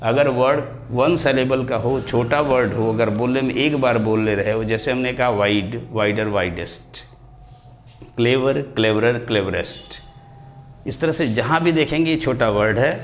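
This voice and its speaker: A man, an English teacher giving a grammar lesson, who slows down and stretches example words to spell them out. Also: medium pitch, slight background noise. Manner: addresses students warmly as dear children.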